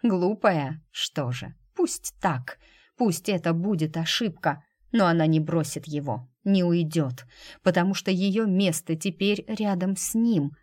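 A woman's voice: lowish voice, measured pace, darkish tone, no room sound. A woman voicing a frightened, tearful young woman who speaks in a pleading, trembling way, in an audiobook. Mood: defiant. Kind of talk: audiobook character voice.

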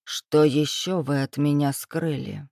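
A woman reading a storybook, voicing a cold, menacing man who purrs low and then barks orders. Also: steady tone, slow, creaky, a little mellow, no echo, clean studio sound. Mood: cold interrogating. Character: cold, menacing man, a powerful boss's right hand.

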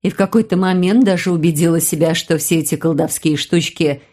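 Audiobook narrator, woman, slightly low voice, steady first-person storytelling. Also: a little fast.

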